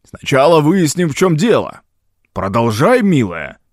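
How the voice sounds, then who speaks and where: A man's voice: fairly high pitch, wildly swooping pitch, measured pace, no echo, clean studio sound, full character voice. A man voicing a big, commanding doctor who speaks in a firm, businesslike way. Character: big, commanding middle-aged male doctor, brisk.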